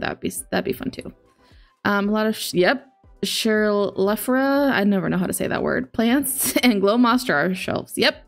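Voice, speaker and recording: A woman in her late twenties hosts a video game livestream from the living area of her home, chatting casually with viewers and reading their messages aloud. Her voice sits on the high side, picked up by a large desk microphone close to her mouth while she wears a headset.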